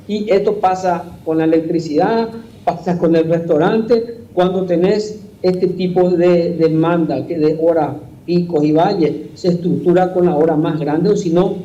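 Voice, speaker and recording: A man's voice: high-pitched, mellow, dull audio. A man, a transport official on a studio talk show, who explains patiently like a lecture, with worked examples and frequent use of the host's name. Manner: patient lecturing, gives examples, keeps addressing the host by name.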